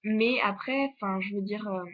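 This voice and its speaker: A woman's voice: mid-range voice, moderate pace. Chatty teenage girl, lo-fi vlog. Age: teens. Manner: chatty, many fillers and restarts. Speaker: exchange student vlogger. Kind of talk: casual vlog monologue.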